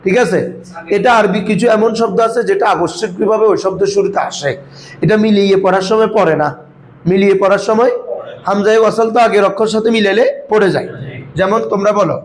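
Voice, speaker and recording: A man's voice: sits high, fast, slight background noise, poor audio. A man teaching Arabic grammar to a class, often quizzing his students and calling them "baba". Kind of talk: classroom lesson.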